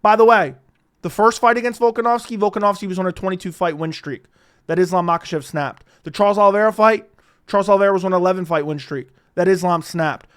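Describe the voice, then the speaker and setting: A man with a high voice commenting on combat sports footage. He sounds exasperated and mocking, and argues his case as he goes. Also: fast talker, a bit bright, clear, resonant tone. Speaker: video commentator.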